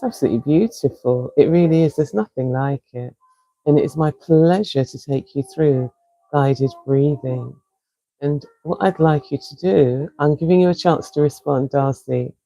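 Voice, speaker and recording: A woman from England with a South London accent talks slowly and soothingly as a wellness coach, guiding viewers through a breathing exercise on a live stream. Her voice is mellow and soft-edged, recorded dry and close on a phone or webcam with no room sound. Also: low voice, vocal fry, no echo, low-quality recording. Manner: slow, soothing and encouraging.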